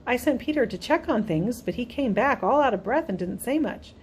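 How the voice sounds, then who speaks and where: A woman voicing a stern, worried mother who fusses and scolds her children in a sharp, raised voice. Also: a little high, lively intonation, fairly quick, slight background noise, voice pushed up, natural voice. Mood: curious. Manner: sharp, scolding, fussing questions.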